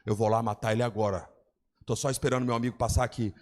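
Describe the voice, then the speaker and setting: A man preacher quoting an angry young man bent on revenge, blunt and low. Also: steady tone, fast, darkish tone, close to an everyday voice. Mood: grim.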